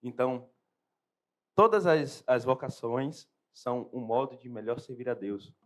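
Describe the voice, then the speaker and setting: A young seminarian hosting a podcast interview, asking questions and drawing comparisons in a formal, measured way. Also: male voice, medium pitch, expressive. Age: young adult.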